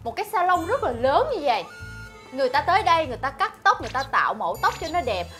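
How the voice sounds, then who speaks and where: A blunt, sarcastic older sister who runs a hair salon. Her voice is high and bright, and she fires off scolding lines at a quick clip. Light music plays underneath. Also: big pitch swings. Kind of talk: sitcom acting.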